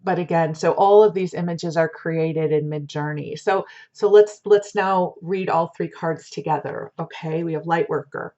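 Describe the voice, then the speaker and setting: Low-voiced woman, fortune-teller style card reader. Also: unhurried, hardly any pauses, dark tone. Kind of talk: casual spiritual card reading in the manner of a fortune teller. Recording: dull lo-fi sound.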